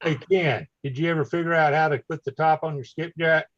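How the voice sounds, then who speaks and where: A man's voice: on the high side, steady tone, brisk, no room sound. Man on a lo-fi group voice call. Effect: heard over a group voice call. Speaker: hobbyist chat participant. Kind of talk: casual group call chat. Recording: dull lo-fi call audio.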